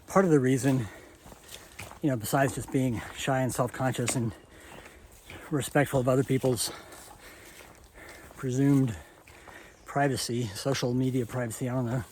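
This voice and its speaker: A man filming himself with a selfie stick while he walks a hiking trail, out of breath and thinking aloud in halting bursts. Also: medium pitch, darkish tone, slight background noise. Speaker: hiker vlogger. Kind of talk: reflective vlog while walking. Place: outdoor forest trail. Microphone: camera on a selfie stick, held at arm's length and farther.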